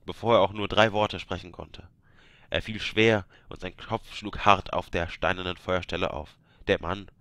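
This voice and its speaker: Man reading aloud, low dry voice. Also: a bit bright, dry recording. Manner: breaks off to joke with listeners. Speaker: reader of game books. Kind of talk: reading aloud with joking asides.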